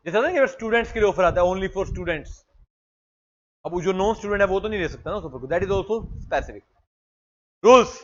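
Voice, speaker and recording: A man's voice: sits high, expressive, moderate pace, long pauses, a bit bright, dull audio. A man teaching a law lecture in a chatty way, switching into English legal terms and telling stories from daily life. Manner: chatty, mixes English legal terms into Hindi, tells anecdotes.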